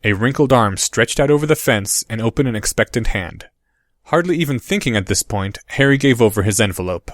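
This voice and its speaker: A man reading audiobook narration in a steady, measured way. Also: mid-range voice, dry recording.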